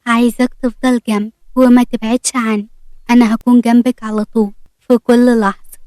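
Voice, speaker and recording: A woman's voice: fairly high pitch, little pitch movement, brisk, a little mellow, dry recording, close to an everyday voice. A woman voicing a tender, teasing young husband, speaking in an Egyptian accent. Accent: Egyptian Arabic. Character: young adult man, affectionate husband.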